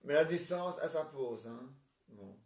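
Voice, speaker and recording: A man acting out a comic play and switching between roles, halting and stammering as he repeats his words. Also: medium pitch, animated. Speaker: amateur stage performer. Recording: roomy, distant mic.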